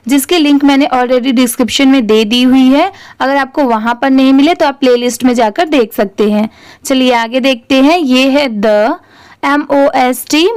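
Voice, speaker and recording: A young woman teaching English reading, spelling each word letter by letter and sounding it out slowly. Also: high voice, clean tone. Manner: spells words letter by letter, slow and deliberate. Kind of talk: Hindi-language reading lesson.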